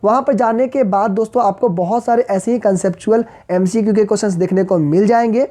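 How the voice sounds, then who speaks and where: A woman teacher explaining poetry and grammar in an online lesson, calling her viewers friends and reading verses slowly. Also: mid-range voice, dark tone.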